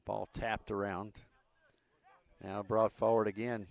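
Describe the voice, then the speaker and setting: A man with a fairly low voice calls a soccer match live. His delivery is relaxed and conversational, with plenty of fillers between the plays. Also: takes it slowly, creaky, lo-fi sound. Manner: relaxed, chatty, with frequent fillers. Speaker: play-by-play commentator.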